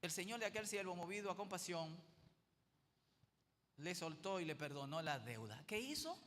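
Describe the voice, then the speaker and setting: A man's voice: high voice, big pitch swings, normal speed, fairly bright tone. A man preaching a sermon, retelling a parable emphatically and posing rhetorical questions to the congregation. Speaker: pastor. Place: church sanctuary. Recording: long hall reverb of a church.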